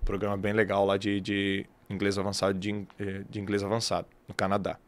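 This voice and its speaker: Animated man explaining with casual slang. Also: fairly low pitch, a little fast. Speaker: English teacher, podcast guest. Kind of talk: casual podcast conversation.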